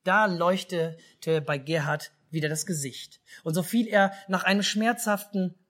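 A man with a German accent telling a children's Christmas story in a church service, speaking lively and asking the children questions. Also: high-pitched, a little slow. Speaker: pastor.

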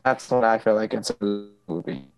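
A man's voice: lowish voice, normal speed. Remote male co-host, choppy call audio cutting in and out, faint and distant, trailing sentences, faint music behind. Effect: online call audio breaking up and cutting out. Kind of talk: casual movie chat.

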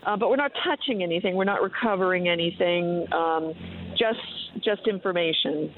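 A woman guest in a radio interview, calling in remotely and explaining things in a measured way as an expert. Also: on the low side, slight background noise. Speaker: expert guest, explorer and diver. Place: on a dive boat, remote call. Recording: tinny, narrow phone line.

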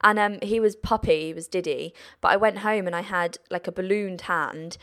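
A woman's voice: fairly low pitch, moderate pace. A young woman from the United Kingdom, a podcast guest, talking casually and emotionally, often acting out what family members said. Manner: chatty, emotional, quotes family in lively voices. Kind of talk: casual chat.

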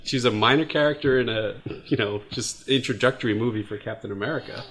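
A man's voice: medium pitch, quick pace, fairly bright tone, a little hiss or hum. A man co-hosting a podcast, talking casually in a rambling way full of fillers. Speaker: podcast co-host. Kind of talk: casual panel chat.

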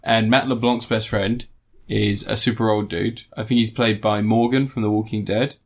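A man retelling a film in casual chat, rambling, swearing and jumping into high put-on voices for the characters. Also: little pitch movement, normal speed, vocal fry. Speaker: podcast co-host.

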